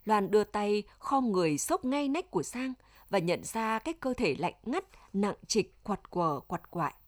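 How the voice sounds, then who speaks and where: A woman narrating an audiobook in a steady, measured way. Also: medium pitch.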